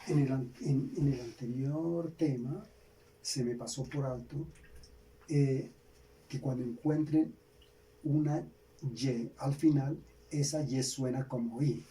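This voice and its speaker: A Colombian man teaching a grammar lesson, slowly repeating key words for students to write down. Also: medium pitch, fairly even intonation, mellow. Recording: distant mic, faint background hiss.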